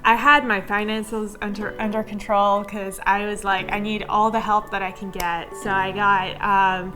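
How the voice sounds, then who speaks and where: A chatty young woman from Iran, whose first language is Armenian, tells stories in a casual interview as a structural engineer. She speaks at a medium pitch, often using "like" as a filler and restarting her sentences.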